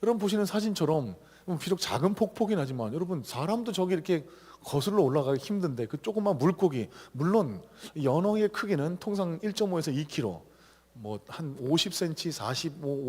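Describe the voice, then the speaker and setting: A middle-aged man preaching a sermon as a pastor, swinging between loud calls and low, quiet asides. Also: lively intonation, fairly quick, slightly rough. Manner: acts out shouted cries and quoted voices. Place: church sanctuary. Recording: long hall reverb of a church.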